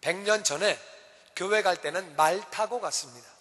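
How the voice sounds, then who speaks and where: A man preaching a sermon as pastor in a church, animated and acting out scenes. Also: high voice, normal speed. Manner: animated, acts out parents shouting at children. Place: church sanctuary. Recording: church hall reverb.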